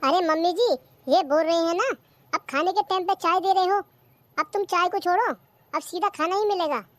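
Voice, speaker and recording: A performer voicing a cheeky, lazy young daughter-in-law who talks back, in a cartoon comedy. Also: female voice, very high-pitched, normal speed, no room sound. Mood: sassy.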